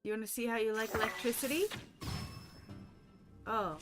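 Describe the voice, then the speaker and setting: A woman livestreams a game in a casual, playful and silly way, chatting both with her viewers and with the characters on screen. Her voice is on the high side with fairly even intonation and normal speed, and music plays in the background.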